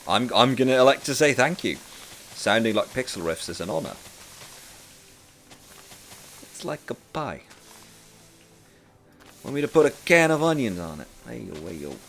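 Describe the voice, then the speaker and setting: While streaming a game, a man from rural Western Norway rambles in casual chat despite a sore throat, restarting often. His mid-range voice is very animated and a bit bright, with vocal fry, a moderate pace and frequent pauses. Faint music sits in the background.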